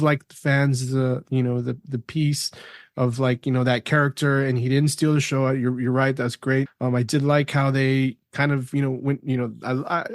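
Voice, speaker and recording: A man co-hosting a podcast, talking casually in a measured way with many fillers. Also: medium pitch, dry recording, clean studio sound. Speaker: podcast co-host. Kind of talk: casual chat.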